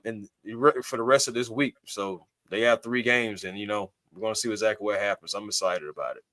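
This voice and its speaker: A man's voice: medium pitch, a bit bright, dry recording. A man hosting a casual sports talk livestream from a home mic on a video call, upbeat as he closes out the show and gives his predictions. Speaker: podcast host.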